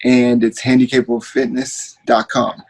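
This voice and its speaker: A man of ordinary pitch talks in a relaxed, friendly way on a podcast recorded over a video call. He laughs easily and cheers others on. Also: normal speed, slight background noise, poor audio. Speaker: podcast co-host and guest. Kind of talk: casual chat.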